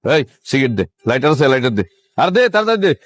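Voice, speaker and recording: A man's voice: mid-range voice, big pitch swings, rapid-fire, no room sound, lightly acted. An actor playing a possessive young boyfriend who questions his girlfriend with demanding, accusing words. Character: possessive young man, jealous and hot-tempered. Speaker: jealous boyfriend. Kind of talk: Bangla TV drama acting.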